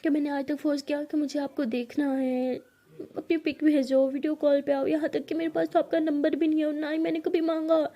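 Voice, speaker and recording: A woman voicing a young woman in love, pleading through tears in a high voice. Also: flat delivery, a little fast, dark tone, close to an everyday voice. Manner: begging, emotional.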